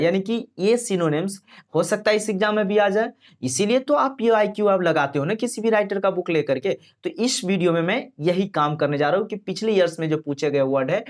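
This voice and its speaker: A young man teaching an exam-prep vocabulary lesson. He explains with memory tricks and asks and answers his own questions. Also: high voice.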